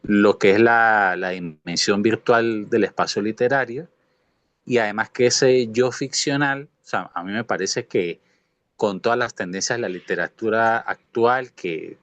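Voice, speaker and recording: A man's voice: fairly low pitch, unhurried, a bit bright, dry recording, muffled recording. A man, a graduate student speaking earnestly to his professor, hedging with many fillers.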